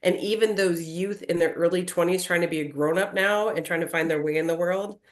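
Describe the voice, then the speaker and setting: Woman, echoey bare room, lower voice, friendly casual podcast chat. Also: fairly even intonation, brisk. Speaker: life coach and therapist. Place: newly moved-into room with bare walls.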